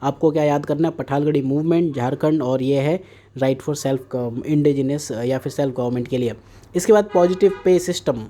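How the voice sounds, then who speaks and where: A man's voice: a little high, mellow. A young man teaching a casual exam prep lesson, mixing Hindi and English with joking asides. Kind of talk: casual current affairs lesson.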